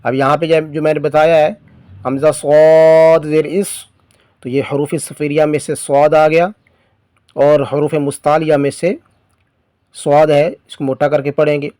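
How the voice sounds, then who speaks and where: A man teaching Quran reading, patiently explaining rules and spelling out letters slowly. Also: a little high, little pitch movement, a little mellow, no echo. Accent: Pakistani Urdu. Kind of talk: spelling-out lesson, slow drawn-out recitation of letters.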